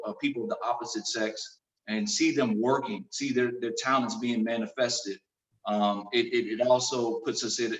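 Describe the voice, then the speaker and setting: A man speaking as an imam on a panel over a video call, measured and pausing often with fillers. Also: mid-range voice, a bit bright. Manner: measured, with frequent pauses and fillers. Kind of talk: panel discussion. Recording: roomy video call audio from far off the mic.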